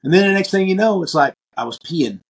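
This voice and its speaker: A man, a podcast guest, telling his story in casual interview talk, lively and acting out what others said. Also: high-pitched, quick pace, creaky, husky. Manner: lively storyteller, acts out quoted dialogue.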